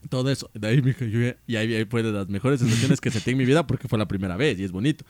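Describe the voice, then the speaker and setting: Racing through his words, this young man co-hosts a laid-back podcast and tells a meandering story packed with slang. His voice sits at medium pitch, there's no room sound, and he animatedly repeats "loco" and "mija."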